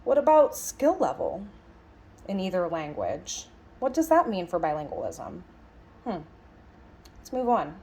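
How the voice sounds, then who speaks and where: A sign language interpreter voices a signed lecture in a conversational, reflective way, musing with emphatic phrasing and rhetorical questions. Her voice is on the low side and a little mellow, very animated, at a measured pace with long pauses.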